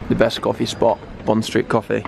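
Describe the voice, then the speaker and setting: A man's voice: fairly low pitch, completely flat delivery, normal speed, vocal fry, heavy background noise. A man in his twenties with a southern English accent, chatting casually and informally as a vlogger. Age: 20s. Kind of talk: casual vlog chat. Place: in a parked car, on city streets and in shops. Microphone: handheld vlog camera at arm's length.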